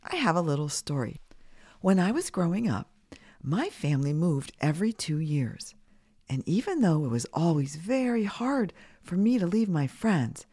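A woman's voice: low-pitched, darkish tone, no echo, studio quality. A middle-aged woman from the United States hosting a children's podcast in simple scripted narration, her voice slightly scratchy as she gets over a cold. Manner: simple, clearly phrased address to children.

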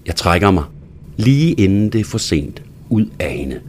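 A man reading a first-person story aloud in a hushed, intimate manner that sometimes drops to a whisper. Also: lowish voice, very animated, a little hiss or hum. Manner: hushed, intimate delivery, dropping to a whisper at times. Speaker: narrator.

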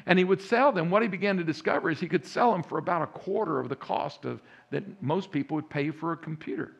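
Texan preacher with a gravelly voice. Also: male voice, fairly high pitch, fast, muffled recording. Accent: Texas. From Central Texas. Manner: folksy storytelling with rising emphasis. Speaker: pastor. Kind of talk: sermon.

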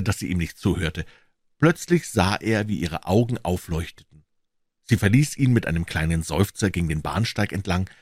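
A man narrating an audiobook in an expressive, lively reading style. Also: deep voice, no echo, studio quality. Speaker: audiobook reader.

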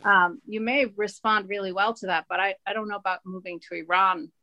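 Irish woman, 40s, guest, animated storyteller, dry close sound. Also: medium pitch, brisk, no room sound, dull audio. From Ireland. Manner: animated, laughing, emphatic storyteller. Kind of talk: casual conversation.

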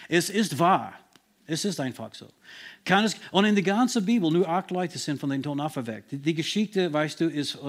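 A man preaching a sermon in an earnest, emphatic way, slowing down to stress key words, with slightly non-native phrasing. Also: fairly high pitch.

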